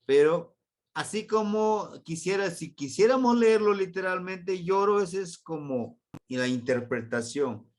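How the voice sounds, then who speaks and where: Slow, patient man teaching a language. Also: high voice, animated. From Mexico. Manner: slow, patient, repeats words for students. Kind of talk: online grammar lesson.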